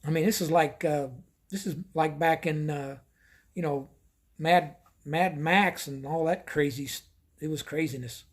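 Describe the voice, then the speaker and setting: Guy with a high voice telling a rambly story about his trip, repeats himself a lot. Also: fairly even intonation, unhurried. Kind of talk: casual first-person anecdote.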